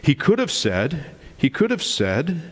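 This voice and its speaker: With huge swings in pitch, a measured pace, and a slightly rough voice, a Canadian pastor in his 40s preaches emphatically. He rises in pitch to underline points, and the church sanctuary adds long hall reverb.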